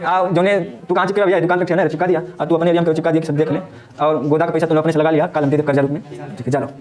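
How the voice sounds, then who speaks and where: A male teacher, quizzing pupils and hushing a noisy classroom. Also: fairly high pitch, level tone, racing. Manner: quizzing pupils with call-and-response questions. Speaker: coaching teacher. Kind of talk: classroom lecture. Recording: echoey classroom with chattering kids.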